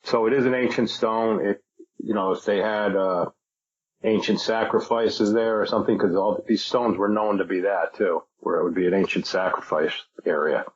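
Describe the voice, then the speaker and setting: A man's voice: on the low side, steady tone, moderate pace, slightly rough. A man appearing as a podcast guest, speaking tentatively and speculatively, with many hesitations and restarts. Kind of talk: casual podcast interview. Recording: dull lo-fi remote audio.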